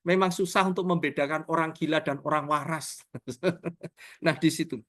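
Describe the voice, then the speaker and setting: A male evangelist preaching a sermon over a video call. He is lively and joking, laughs often, acts out voices and keeps addressing his listeners directly. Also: a little high, unhurried.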